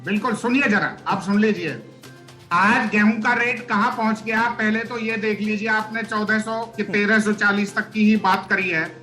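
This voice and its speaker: A man's voice: high voice, steady tone, normal speed, bright, forceful tone, reverberant, faint music behind. A man arguing as a party spokesman in a heated TV debate, insistently telling the others to listen. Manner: insistent, keeps repeating "listen".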